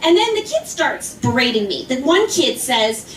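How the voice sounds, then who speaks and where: A woman's voice: high-pitched, big pitch swings, moderate pace, fairly bright tone, slight background noise. A woman performing a stand-up comedy set, telling a rambling, exasperated story in a chatty way and putting on the voices of the people in it. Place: small club or class showcase stage. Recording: roomy, distant mic, faint ambience.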